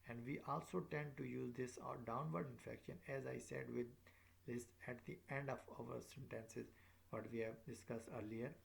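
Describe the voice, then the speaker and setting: A man teaching English intonation in a recorded lecture, speaking haltingly with many fillers and repeated words. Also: medium pitch, fairly even intonation, creaky.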